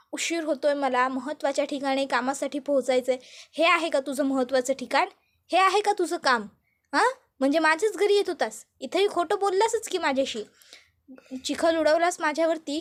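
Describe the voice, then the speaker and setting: Woman narrator plays a furious middle-aged father in a TV-serial retelling; shouts, scolds, high-pitched. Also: close to an everyday voice. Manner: yelling, scolding.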